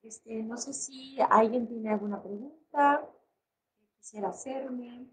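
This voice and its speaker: A woman's voice: on the high side, slow, low-quality recording. A Mexican woman psychologist giving a live online parenting talk, conversational, with many fillers and restarts.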